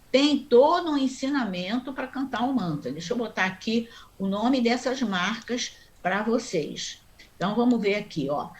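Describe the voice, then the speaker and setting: A woman teaching a Sanskrit class online, explaining step by step and often checking in with her students. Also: a little high. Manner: chants mantra syllables slowly.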